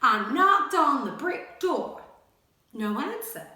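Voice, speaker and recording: A woman's voice: sits high, big pitch swings, takes it slowly, sharp tone, full character voice. A woman voicing a male storybook wolf who tells his side in a folksy, mock-innocent, confiding way for children. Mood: chatty, self-justifying. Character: chatty, self-justifying male wolf telling his side. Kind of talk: animated storybook read-aloud for children. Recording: echoey, reverberant room.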